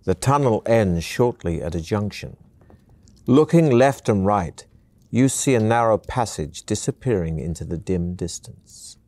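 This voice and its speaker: Deep, slow male game narrator. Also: no room sound. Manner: measured, steady. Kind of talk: second-person scripted narration.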